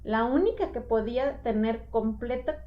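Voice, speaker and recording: A woman, a mother telling her own story in a casual podcast chat, animated and quick to act out what others said. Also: a little high. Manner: animated storytelling, acts out quoted dialogue. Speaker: podcast co-host sharing divorce experience. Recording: dull lo-fi audio.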